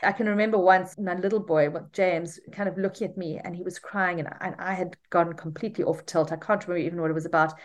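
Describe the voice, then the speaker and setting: A middle-aged woman, a mother of three, co-hosting a casual podcast in an animated, reflective way that often repeats words. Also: lowish voice, quick pace, hardly any pauses. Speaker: podcast co-host.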